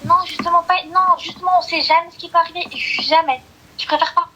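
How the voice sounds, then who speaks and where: A woman with a small, soft voice calling into a live chat, hesitant, stammering and apologetic. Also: very high voice, fairly even intonation, fast, dull audio. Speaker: caller. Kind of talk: casual call-in chat.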